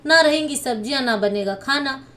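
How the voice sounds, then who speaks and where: A woman's voice: high voice, moderate pace, a bit bright, slight background noise. A woman voicing a vain, scheming young daughter-in-law with a sly, spiteful manner.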